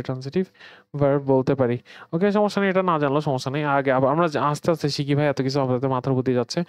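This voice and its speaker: Bangladeshi male English teacher, chatty lesson delivery, clear tone, dry recording. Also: on the high side, no room sound. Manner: conversational, mixing English words into explanations. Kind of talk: online grammar lesson.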